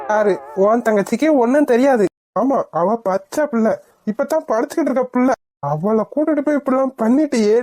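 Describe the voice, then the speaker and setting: Teasing young men in a cartoon trade mocking jokes, all voiced by a woman. The tone is mellow and a little high. The sound is close and dry. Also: dry recording, lightly acted. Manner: bantering, mocking. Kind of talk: cartoon voice acting.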